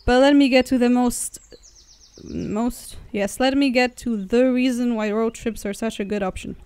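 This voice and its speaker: A young Polish woman, vlogging her travels from a car as it drives through the woods, rambles casually and corrects herself along the way. Her voice is fairly high and steady, with a slightly mellow, smooth quality, delivered at normal speed on a dry recording.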